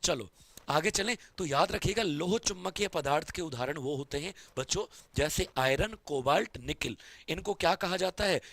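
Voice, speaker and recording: A male science teacher gives an online exam-prep lecture in a high, raspy, expressive, slightly bright voice that cracks when he speaks fast. He quizzes his students repeatedly, calling them "beta" and "babu". The sound is dry and close, with no echo.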